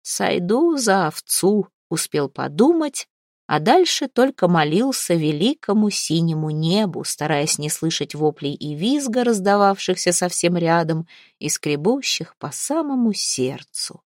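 Expressive female audiobook narrator. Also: fairly low pitch, unhurried, no echo, studio quality. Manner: expressive storytelling. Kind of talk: scripted narration of a historical novel.

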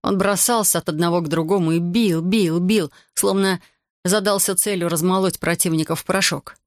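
An audiobook narrator giving a dramatic, measured literary reading. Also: medium pitch, steady tone, no room sound, studio quality.

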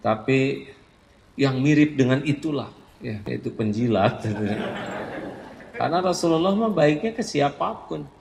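A man's voice: mid-range voice, animated, unhurried, vocal fry, pauses often, darkish tone, slight background noise. A man giving a sermon in a conversational, teasing way, acting out everyday examples. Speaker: Islamic preacher. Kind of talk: sermon to a congregation. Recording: echoey hall, faint ambience.

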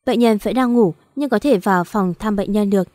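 A woman voicing a calm, matter-of-fact male hospital doctor in an audio story, in a formal, businesslike way. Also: mid-range voice, a little fast, dry recording, natural voice. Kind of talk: audiobook dialogue.

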